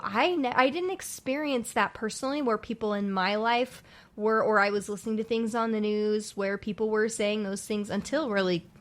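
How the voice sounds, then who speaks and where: A woman in her twenties chatting casually as a podcast co-host. She rambles and searches for her words. Her voice sits in a middle pitch. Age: 20s. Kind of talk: casual chat.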